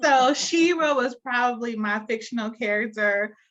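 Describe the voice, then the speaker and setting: A woman guest in a casual interview who tells stories in an animated way and laughs easily. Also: on the high side, normal speed, highs cut off.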